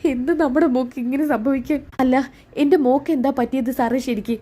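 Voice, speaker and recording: A woman's voice: sits high, steady tone, a little fast, dark tone, voice pushed up. A woman voicing a distraught mother who cries out in fear for her daughter. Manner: wailing, crying out.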